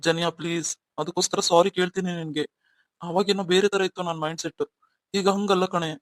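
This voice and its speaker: A man's voice: high-pitched, steady tone, fast talker, dry recording, close to an everyday voice. A man voicing a remorseful young husband in a cartoon story, coaxing and pleading with his wife.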